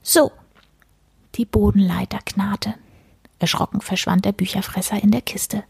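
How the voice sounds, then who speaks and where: A woman reading a children's story aloud in a soft, intimate whispered storytelling voice. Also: mid-range voice, level tone, normal speed, creaky, slightly rough, no echo.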